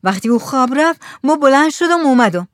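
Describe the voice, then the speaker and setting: A man's voice: very high-pitched, animated, fairly bright tone, no room sound, clean studio sound, voice pushed up. A woman voicing a frightened fisherman. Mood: fearful. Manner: trembling, pleading, anxious. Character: frightened superstitious village fisherman.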